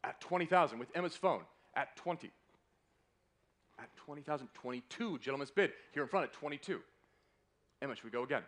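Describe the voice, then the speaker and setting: A man's voice: a little high, expressive, fairly quick, long pauses, a bit bright. A man working as a fine art auctioneer, calling a live sale with polite, courteous patter that keeps repeating the bids. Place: live auction room in a hotel.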